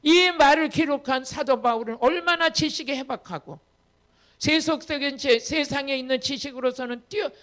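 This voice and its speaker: A woman's voice: sits high, moderate pace, fairly bright tone. A woman pastor preaching a sermon emphatically, often calling on the congregation and acting out dialogue. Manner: acts out quoted dialogue in changing voices. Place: church retreat hall, online service.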